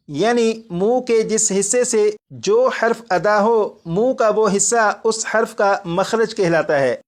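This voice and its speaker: In a recorded recitation lesson, a man with a high-sitting voice teaches by explaining every point twice. He stretches out each example letter three times, slowly and a little louder.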